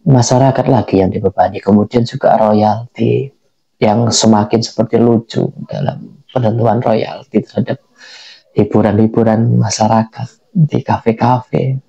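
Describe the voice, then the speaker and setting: A man giving unscripted political commentary in a halting way, repeating phrases for emphasis. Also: on the low side, fairly even intonation, vocal fry, dark tone, breathy edge, muffled recording. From Indonesia. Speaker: commentator giving personal opinion.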